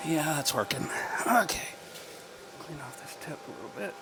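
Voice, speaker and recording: A man's voice: on the high side, big pitch swings, takes it slowly, heavy background noise. Folksy man talking in his workshop. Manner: folksy, easygoing, talks while working. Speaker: home welder and mechanic. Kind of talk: casual workshop how-to vlog. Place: home workshop.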